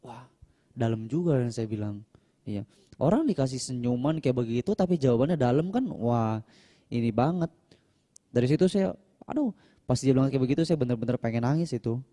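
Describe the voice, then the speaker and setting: A young man speaking as a monk answers questions in a relaxed, chatty way, telling stories casually during a Q&A talk. His voice is very dark and mellow at a middle pitch, fairly quick, with frequent pauses, and he acts out quoted people by raising his pitch. With no microphone, he sometimes sounds quieter.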